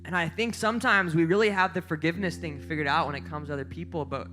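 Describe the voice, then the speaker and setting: A young adult man preaching a sermon as pastor, telling stories in a lively way and jumping up in pitch when he acts out lines. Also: fast. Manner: lively storytelling, voice jumps up for quoted lines.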